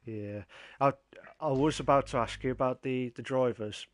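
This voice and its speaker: A man's voice: mid-range voice, normal speed, background noise. A man with an English Midlands accent hosting a casual post-race interview, speaking in a hesitant, repetitive, rambling way. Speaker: interviewer, league host.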